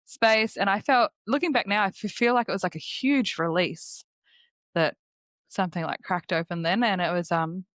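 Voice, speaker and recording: Aussie woman hosting a podcast, mid pitched voice, dry sound. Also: normal speed, fairly bright tone, dry recording. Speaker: podcast host. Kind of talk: podcast hosting, introduction and casual chat.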